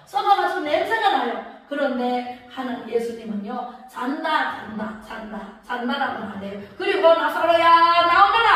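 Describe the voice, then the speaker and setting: A woman pastor preaches in a high voice, acting out the quoted lines and questioning her listeners. She sounds far from the mic, and her voice rings around a large reverberant church. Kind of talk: sermon. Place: church sanctuary. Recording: echoey church hall from far off.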